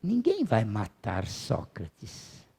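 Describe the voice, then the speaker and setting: A man doing an unshakably serene old philosopher facing death, in a slow, solemn Brazilian-accented voice. The lines are drawn out and gravelly, with a lively lift on the key words. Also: on the low side, pitched below the performer's own voice, full character voice. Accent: Brazilian Portuguese. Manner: slow, solemn, measured delivery. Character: calm condemned old philosopher, serene and certain.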